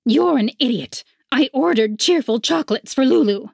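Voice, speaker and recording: A woman's voice: high voice, animated, normal speed, creaky, darkish tone, husky, no echo, studio quality, voice pushed up, heavily acted. A woman voicing a proud, indignant winged female chocolatier who speaks sharply.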